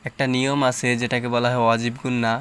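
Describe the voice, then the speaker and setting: Male Quran teacher, patient syllable-by-syllable tajweed lesson, monotone delivery. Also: mid-range voice, clean tone. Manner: slow, patient, drawn-out syllables with explanations.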